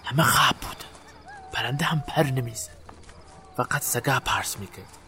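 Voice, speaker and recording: An actor playing a guilt-haunted man recalling a night burial, in a halting, haunted way. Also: medium pitch, sharp tone, close to an everyday voice. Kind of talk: audio drama acting.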